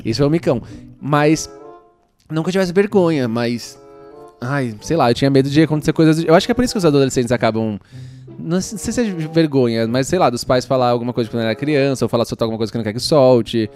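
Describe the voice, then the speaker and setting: A Brazilian man chats casually and tells lively, animated anecdotes. He talks very quickly at a medium pitch. Soft music plays faintly in the background. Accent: Brazilian Portuguese. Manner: animated storyteller, calls his listener "menina". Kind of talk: casual chat.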